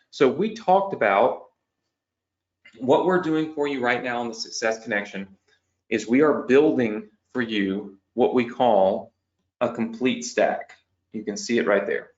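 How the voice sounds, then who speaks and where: Teaching an online business lesson at a whiteboard, a man who is losing his voice explains things step by step. After each point he checks in with "okay?" or "right?". His mid-range voice comes through a muffled recording.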